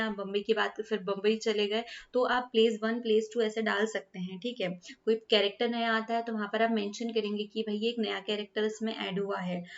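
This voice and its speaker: A woman teacher works through a lesson for school students at an unhurried pace, asking rhetorical questions and repeating her points. Her voice sits in a middle pitch. The recording sounds slightly dull and lo-fi.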